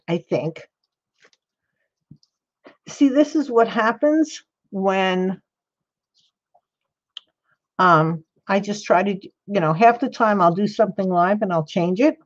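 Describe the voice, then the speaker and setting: Slow, chatty woman on a dull livestream. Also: medium pitch. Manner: chatty, rambling, talks to viewers in chat by name. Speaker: miniature crafter livestreaming. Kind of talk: casual livestream chat while crafting. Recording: slightly dull lo-fi stream audio.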